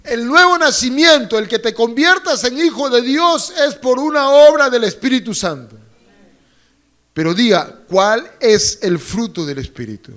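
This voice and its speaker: A man's voice: very high-pitched, expressive, a little slow, fairly bright tone. A pastor preaching a sermon to his congregation. He preaches with fervor, gets the congregation to repeat phrases after him and throws in joking asides. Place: church.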